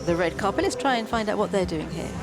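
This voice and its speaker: A woman commentates live from a red carpet event, interpreting as she goes. Her voice sits at a middle pitch and comes in pieces, with small hesitations. Loud music plays behind her. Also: animated, quick pace.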